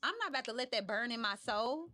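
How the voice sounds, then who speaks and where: A woman's voice: fairly high pitch, animated, fast, sharp tone, soft background music. A woman in her thirties co-hosting a podcast, talking candidly and bluntly, laughing often. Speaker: podcast co-host. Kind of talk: casual chat.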